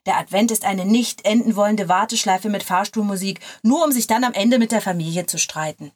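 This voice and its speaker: A woman reading the lines of a cynical female lawyer, exclaiming in a raised, louder voice. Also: a little fast, close to an everyday voice. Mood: exasperated. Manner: exclaiming, higher and louder than the narration.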